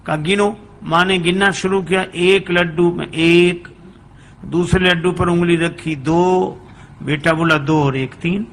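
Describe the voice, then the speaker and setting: A man's voice: high-pitched, fairly even intonation, measured pace, a bit bright. A man preaching a humorous storytelling sermon, acting out the dialogue of the characters as he goes. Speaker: religious preacher. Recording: echoey hall with faint ambience.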